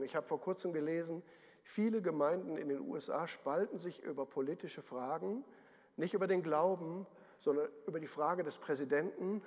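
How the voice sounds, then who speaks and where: Guy preaching a sermon, high-ish voice, acts out the quotes, big echoey hall. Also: darkish tone, breathy edge. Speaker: pastor.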